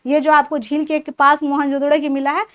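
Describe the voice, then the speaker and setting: A woman's voice: sits high, level tone, normal speed, fairly bright tone. A woman giving an exam-prep history lecture, explaining step by step, asking questions and answering them herself, and listing items one by one. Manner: explanatory, asks and answers her own questions. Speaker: teacher.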